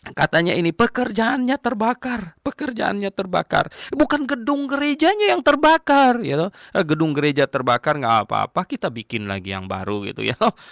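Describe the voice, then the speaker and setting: Gravelly emphatic older preacher. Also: male voice, sits high, dry recording, clean studio sound. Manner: emphatic, animated, repeats key phrases; chuckles between points. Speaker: pastor. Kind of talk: radio-style Bible teaching sermon.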